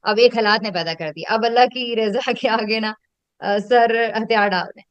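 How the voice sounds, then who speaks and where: A woman's voice: a little high, normal speed, clear, resonant tone, dry recording, lo-fi sound. A woman, explaining her teaching in a reflective, conversational way and mixing in English terms. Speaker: educator and host. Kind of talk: casual conversational teaching talk.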